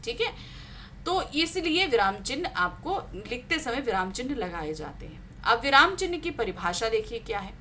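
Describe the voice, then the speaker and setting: A woman's voice: fairly high pitch, very animated, moderate pace, pushed and bright, slight background noise. A woman teaching a Hindi grammar lesson, often checking in with her listeners and acting out example sentences in different tones. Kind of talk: classroom-style lesson explanation.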